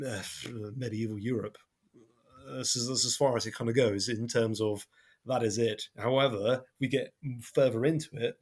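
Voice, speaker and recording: A young man with a broad Devon accent, chatting on a podcast about running his game, rambling and self-deprecating. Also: fairly low pitch. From Devon, England. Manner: rambling, self-deprecating, full of fillers and restarts. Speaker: podcast host and game master. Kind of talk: casual podcast chat.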